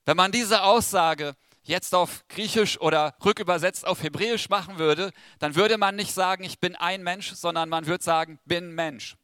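A man's voice: high-pitched, moderate pace, hardly any pauses, sharp tone, smooth, dry recording, studio quality. A man preaching a sermon in a church, engaging the congregation with questions and jokes while holding a microphone. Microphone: handheld microphone.

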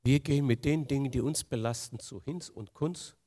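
A man preaching a sermon, earnest, moving between quiet, soft passages and emphatic, louder lines. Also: mid-range voice, moderate pace.

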